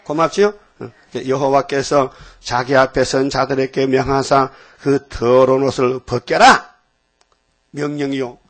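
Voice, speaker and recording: A man's voice: medium pitch, fairly even intonation, unhurried. A man preaching an informal sermon to a small group, folksy and chatty, often asking the listeners questions.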